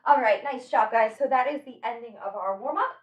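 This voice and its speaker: A woman leading a workout as a fitness instructor, energetic and encouraging, giving brisk short cues and demonstrations. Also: fairly high pitch, lo-fi sound. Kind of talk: live workout coaching and demonstration. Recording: echoey room, distant microphone.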